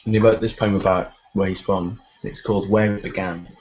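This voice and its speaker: A man with a fairly low voice reads poetry aloud and chats between pieces, his delivery dry and deadpan. The audio is muffled and lo-fi, like a livestream. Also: brisk, breathy edge. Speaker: poet and host. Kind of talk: poetry reading and casual chat.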